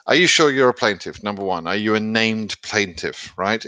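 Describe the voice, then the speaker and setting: Reading live chat questions aloud, this British immigration advice host answers them in a frank, easygoing way, often saying um and starting over. His voice is fairly low yet fairly bright, recorded with no room sound.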